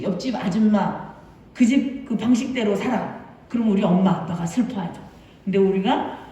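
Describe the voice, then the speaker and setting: A woman pastor giving an animated sermon to children, talking to them with playful asides. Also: high-pitched. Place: church sanctuary. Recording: far-off voice in a very echoey church hall.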